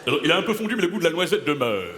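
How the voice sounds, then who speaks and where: Rapid-fire and sing-song, in a voice on the high side, a comedian plays a self-important playwright for a live crowd, grandly declaiming and chuckling at his own jokes. The improvised act is recorded in an echoey hall with loud crowd noise.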